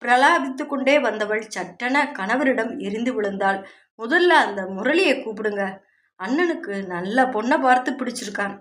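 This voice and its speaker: நாவல் வாசிப்பில் ஊரைக் கூட்டும்படி புலம்பும், சட்டென எரிந்து விழும் நடுவயது மாமியார், ஒரு பெண் நடித்துக் காட்டுகிறார். குரல் உயர்ந்தும் உரத்தும் ஒலிக்கிறது. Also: female voice, a little high, expressive, normal speed, slight background noise. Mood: lamenting. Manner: loud, lamenting, complaining. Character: wailing, hot-tempered middle-aged mother-in-law.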